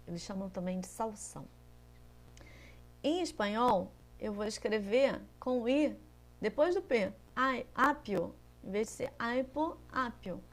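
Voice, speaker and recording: A woman's voice: mid-range voice, vocal fry. A Brazilian woman teaching Spanish in a recorded video lesson, explaining patiently step by step and often checking in with her students. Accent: Brazilian Portuguese.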